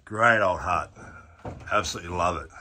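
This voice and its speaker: Out on open grassy high plains, a laid-back Australian man who vlogs solo outback camping trips chats casually into an action camera carried or worn as he walks. He speaks at a moderate pace in a low, sharp-toned voice, rambling with plenty of "eh" and "yeah," over slight background noise.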